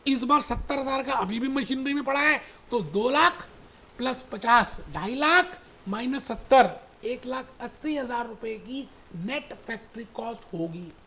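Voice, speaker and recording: A man teaching an accounting lecture, who explains through animated storytelling, repeats his points and addresses students fondly as "beta". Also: extremely high pitch, unhurried, creaky. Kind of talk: recorded classroom lecture.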